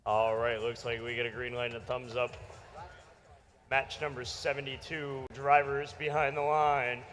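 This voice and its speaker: Forceful, bright-voiced male event emcee. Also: mid-range voice, flat delivery, moderate pace, a little hiss or hum. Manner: showman-like announcing. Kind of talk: live match introductions and hype.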